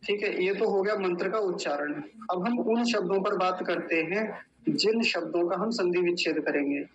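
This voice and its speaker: A man teaching Sanskrit mantra pronunciation in an online class, chanting slowly and deliberately syllable by syllable. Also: sits high, dull audio, a little hiss or hum.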